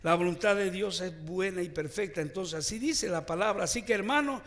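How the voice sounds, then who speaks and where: A male pastor preaching a sermon with call-and-response, swinging from loud declarations to hushed lines, in a church. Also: high-pitched, brisk, long reverb tail. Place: church sanctuary, also streamed online.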